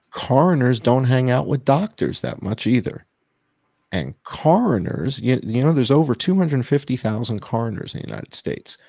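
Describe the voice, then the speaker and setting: A man's voice: mid-range voice, vocal fry, warm tone, dry recording. A man speaking over a video call as an interview guest, walking through data slides and repeating his main points for emphasis. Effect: heard over a video call. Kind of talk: explanatory interview talk.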